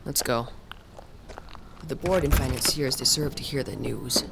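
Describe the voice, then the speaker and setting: A man's voice: mid-range voice, a little slow, creaky, heavy background noise. A man playing a stern mercenary squad leader in a crime role-play drama, clipped and authoritative. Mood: composed.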